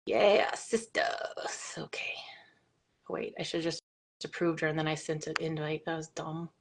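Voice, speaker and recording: A woman's voice: sits low, fairly even intonation, a little slow, whispered. A middle-aged woman hosting a live video chat, talking casually and rambling with lots of fillers and restarts. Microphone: video call.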